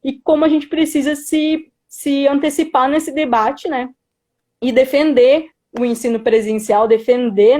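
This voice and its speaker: Informal political talk comes from a young adult student activist who has a Brazilian accent and a fairly high, mellow voice. Her manner is earnest and hesitant, with pauses to search for words and frequent agreement-seeking tags.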